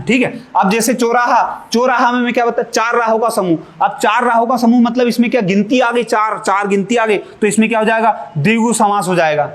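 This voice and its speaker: A high-voiced man gives an exam-prep grammar lesson. He poses quick questions to the class and answers them himself, slipping in jokes. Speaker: Hindi grammar teacher.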